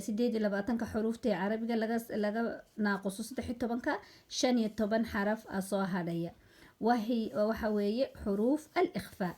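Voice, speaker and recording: A woman teaching a lesson on recitation rules with a slightly high voice. She moves between recited classical phrases and patient explanations. She stops now and then to correct her own counting. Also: darkish tone.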